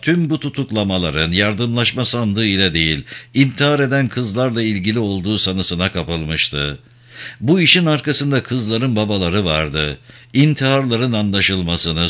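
A man narrating a novel in a measured, literary storytelling manner. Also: lowish voice, bright, forceful tone. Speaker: audiobook narrator.

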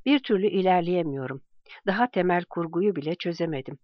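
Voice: animated, brisk, no room sound, dull audio, natural voice. A reader voicing a hesitant self-doubting writer. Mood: subdued, uncertain. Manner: hesitant, low-voiced.

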